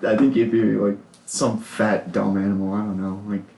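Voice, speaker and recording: A man's voice: on the low side, flat delivery, normal speed, gravelly, a little mellow, reverberant, poor audio. A young man co-hosting a podcast, cracking sarcastic jokes about a movie. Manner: sarcastic, joking asides. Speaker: podcast co-host. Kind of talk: casual movie-review chat.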